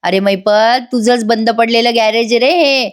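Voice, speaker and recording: A woman's voice: fairly high pitch, lightly acted. A woman reading a taunting male kidnapper. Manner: mocking, drawn-out taunts.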